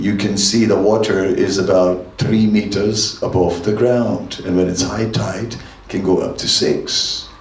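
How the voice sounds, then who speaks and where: Here an older Dutch monk gives a temple lecture full of stories, talking easily and laughing frequently. His voice sits lowish with a darkish tone, captured from afar in a spacious temple hall.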